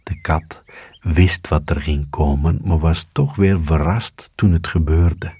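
A man reading a children's story aloud as scripted narration, calm and even. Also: a bass voice, slow pace, slightly rough, no echo.

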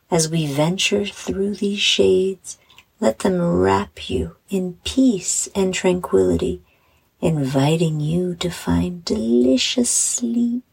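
Woman, sleep story narrator, bedtime guided meditation, very slow, husky and breathy, soothing, hushed, gentle. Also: medium pitch, rough recording. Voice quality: breathy, soft. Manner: soothing, hushed, gentle delivery with breathy trailing phrase ends.

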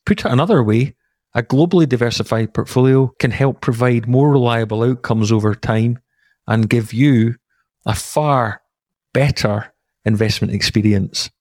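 A man hosting a podcast, reading scripted material in a measured, formal, explanatory way. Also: medium pitch, darkish tone, dry recording, clean studio sound. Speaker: podcast host. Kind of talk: scripted narration.

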